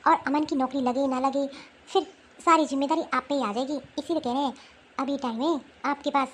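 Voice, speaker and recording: A woman's voice: high voice, steady tone, brisk, natural voice. A woman voicing a spiteful young sister-in-law in a cartoon, sneering and coaxing her mother against the bride. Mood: scheming. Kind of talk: Hindi cartoon voice acting.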